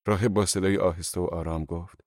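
A male narrator reading a first-person audiobook in a low, even voice. His delivery is measured and calm, recorded dry and close. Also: dry recording.

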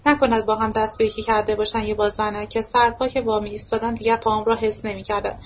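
A woman reading a novel aloud in steady first-person narration for an audiobook, on a dull lo-fi recording. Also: medium pitch, slight background noise. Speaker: audiobook reader.

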